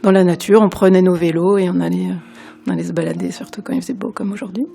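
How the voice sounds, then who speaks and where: A woman's voice: fairly low pitch, fairly even intonation, fast talker, creaky, mellow. A woman from Belgium, answering casually and briefly as an interview guest.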